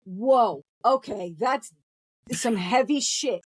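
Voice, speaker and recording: Woman, Long Island accent, husky, dry, chatty host. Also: on the high side, takes it slowly, no room sound. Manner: chatty, blunt, steering the talk. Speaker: podcast host. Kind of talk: casual podcast discussion.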